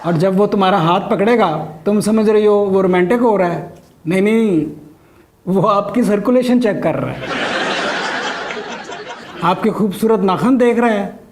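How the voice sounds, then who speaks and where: Man, stand-up comic, dry jokes, high voice, noisy recording. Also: normal speed. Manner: dry joke delivery with an audience laughing along. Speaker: comedian. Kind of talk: stand-up comedy monologue.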